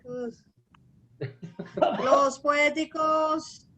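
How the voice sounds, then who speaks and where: Hesitant high-voiced woman student. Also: steady tone, sharp tone. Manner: hesitant, slow, thinking aloud. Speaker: student in the class. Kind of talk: answering questions in an online class.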